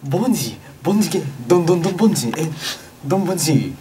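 High-pitched young man, halting fake foreign language. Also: lively intonation, far from the mic, background noise. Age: young adult. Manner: halting, exaggerated imitation of foreign speech. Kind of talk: mock foreign language, improvised gibberish.

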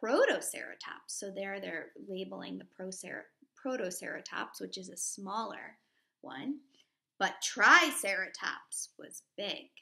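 The speaker is a woman in her thirties, a primary teacher reading to young children, asking questions and giving simple explanations along the way. Her mid-range voice sounds gravelly and sharp, expressive but a little slow.

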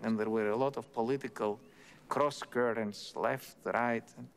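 An older man from Turkey, a theoretical physicist, telling his story in a measured, thoughtful interview. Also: medium pitch, steady tone, creaky. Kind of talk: reflective interview. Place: indoor interview set.

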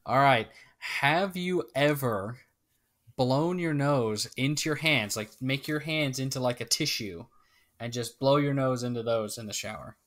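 This podcast co-host has a mid-range, fairly bright voice and an unhurried pace. He's a man chatting casually, rambling and cutting himself off to start his sentences over.

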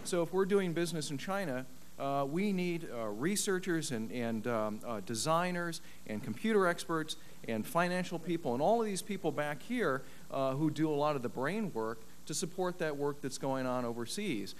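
A middle-aged man testifying as an expert witness, measured and argumentative, on a desk mic in a large paneled hearing room. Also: a little high, expressive, slight background noise. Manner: measured, argumentative, many uh fillers. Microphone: desk microphone.

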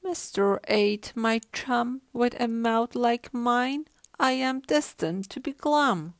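A woman voicing a glum, resigned male fish in a rhyming children's storybook, with a mopey, drawn-out delivery. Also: fairly high pitch, no room sound. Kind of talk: children's storybook read-aloud.

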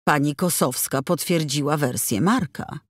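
A woman reading an audiobook, voicing a cold, dismissive male company director who speaks in a calm, curt, bureaucratic way. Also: deep voice, normal speed, dry recording, studio quality. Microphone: close studio mic.

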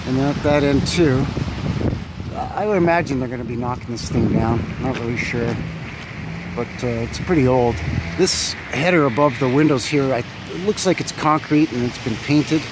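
A man with a medium-pitched voice walks a windy winter street holding a phone camera, musing aloud about an old building. He's a vlogger who explores old buildings, and his casual walking narration is full of fillers and uncertain asides, with wind and street noise in the background.

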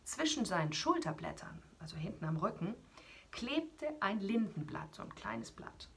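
A woman, a radio host, reading a children's story aloud in an animated way, often whispering and adding little asides to children. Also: mid-range voice, normal speed, slightly rough.

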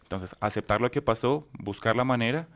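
A man with a Colombian accent chatting quickly as a panelist on a basketball show. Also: medium pitch, a bit bright. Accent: Colombian Spanish. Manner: quick, talkative, laughs easily. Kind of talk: casual basketball panel talk.

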